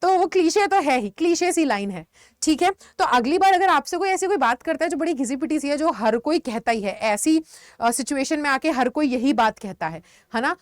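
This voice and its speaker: A woman teacher explaining vocabulary in an online lesson, mixing Hindi with words and giving lively examples. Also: high voice, no echo, clean studio sound. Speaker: English teacher.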